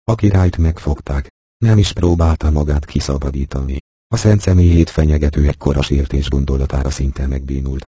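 A man narrating an audiobook in a steady, measured storytelling manner. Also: rumbling low, breathy edge, no echo. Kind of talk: scripted narration.

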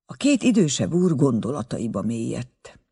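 A man narrating a story in an expressive reading voice. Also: mid-range voice, creaky, husky. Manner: expressive, wide-ranging reading. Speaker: audiobook narrator. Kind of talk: read-aloud storytelling.

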